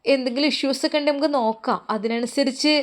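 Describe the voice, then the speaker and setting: A woman playing a hospital doctor, brisk and matter-of-fact, calmly explaining in a high voice. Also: lightly acted.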